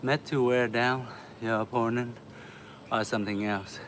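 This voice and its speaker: Man from Vietnam, martial arts livestream host, relaxed chat, filler-heavy, exercising while talking, faint background noise. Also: medium pitch, unhurried. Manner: relaxed, chatty, many uh fillers, laughs often. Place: home in the city.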